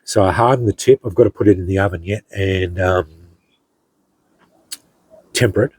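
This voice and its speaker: A middle-aged man, a hobby blacksmith, casually showing off his finished pieces in an unhurried, rambling way, with many ums and restarts. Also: deep voice, slightly rough, dry recording, low-quality recording. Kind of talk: casual show-and-tell narration.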